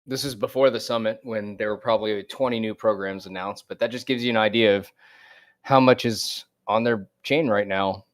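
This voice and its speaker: A man's voice: fairly low pitch, fairly even intonation, normal speed. Man making dry, brief remarks. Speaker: stream participant. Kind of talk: casual live stream chat.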